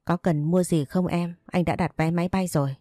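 A woman reading a story voices a kind, caring man who talks gently and reassuringly. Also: lowish voice, steady tone, moderate pace, no room sound, studio quality, lightly acted. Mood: gentle.

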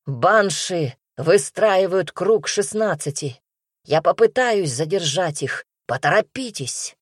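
A woman's voice: lowish voice, animated, slow, breathy edge, dry recording, studio quality, full character voice. A woman voicing a male warrior who speaks in a growling, tense and urgent way.

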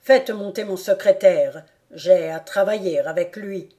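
A woman acting out a panicked aristocrat who snaps loud, urgent orders at his servants. The voice stays low and warm underneath the urgency. It is an audiobook reading. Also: a little slow, close to an everyday voice. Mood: commanding. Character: terrified aristocratic count barking orders at servants.

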